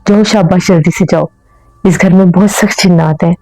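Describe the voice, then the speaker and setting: A woman's voice: lowish voice, steady tone, normal speed, warm tone, no room sound, lightly acted, poor audio. A woman voicing a stern older man who urgently warns of jinn. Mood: urgent warning. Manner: urgent, insistent.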